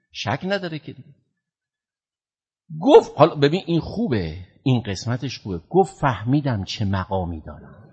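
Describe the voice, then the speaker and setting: A man giving a sermon, telling a story in a lively way, rising loud and dropping low. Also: slightly rough. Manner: animated, swings from loud to hushed. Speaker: preacher. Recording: dull lo-fi sound.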